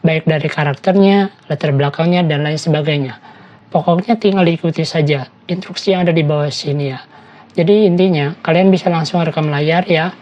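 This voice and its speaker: A woman narrating a screen-recorded app tutorial, giving steady step-by-step instructions and talking to viewers as friends. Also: lowish voice, muffled recording.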